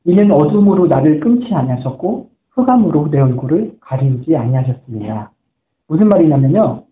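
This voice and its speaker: Earnest pastor preaching, echoey and tinny. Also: male voice, on the high side, sing-song, brisk, slight background noise. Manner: earnest storytelling, quoting voices. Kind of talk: sermon. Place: church sanctuary. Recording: echoey room on a tinny phone-like line.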